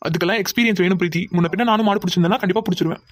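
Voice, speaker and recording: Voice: mid-range voice, racing, no echo, natural voice. A voice actor playing a bossy, protective young man in a cartoon who gives orders. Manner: bossy, commanding.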